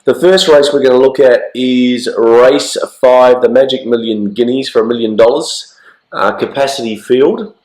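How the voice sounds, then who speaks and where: A hoarse Australian man with a croaky, frog-like voice from the flu, co-hosting a racing show in casual, blokey, halting chat, often repeating himself. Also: mid-range voice, darkish tone. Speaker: co-host of horse racing show. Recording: echoey, roomy sound.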